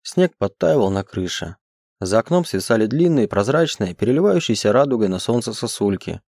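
Guy reading a romance audiobook, steady expressive narration, super dry sound. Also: on the low side, moderate pace, vocal fry, no echo. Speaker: audiobook reader.

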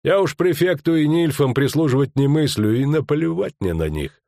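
Man voicing a mocking mercenary, coarse rural talk, raised pitch, dry close sound. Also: expressive, moderate pace, vocal fry, mellow, dry recording. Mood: scornful. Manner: mocking, coarse folksy speech.

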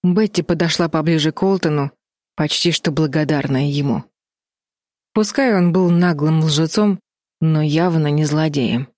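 A woman narrating a children's fantasy audiobook in a steady, expressive reading voice, recorded close. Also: sits low, dry recording. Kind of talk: scripted storybook narration.

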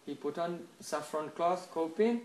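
A man with a high-pitched voice tells a devotional story as a spiritual teacher. He talks in an animated way and checks in with listeners with a quick "huh?" between story beats. His voice echoes around the room.

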